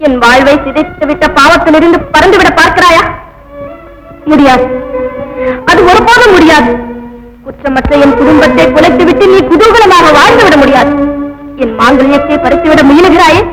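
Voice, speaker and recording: A devoted young wife voiced by an actress begs in an impassioned, tearful, very high voice. Her delivery is 1950s film melodrama acting. Loud music fills the old film soundtrack behind her. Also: normal speed, long pauses, lightly acted, poor audio. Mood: cursing. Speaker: pleading young wife and mother.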